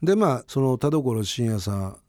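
Male radio host, 50s, chatty and rambling, animated pitch, dry sound. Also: moderate pace, no echo. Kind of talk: casual late-night radio talk.

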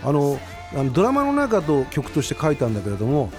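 Lively-voiced man in his fifties hosting radio. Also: fairly high pitch, fast, faint music behind. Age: 50s. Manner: rambling, chatty storytelling. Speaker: radio host. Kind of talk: casual late-night radio talk.

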